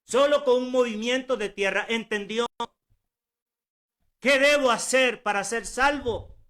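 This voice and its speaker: A man's voice: very high-pitched, unhurried, fairly bright tone. A man in his sixties preaching a sermon at home, earnest and exhorting, with rhetorical questions and repetition. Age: 60s.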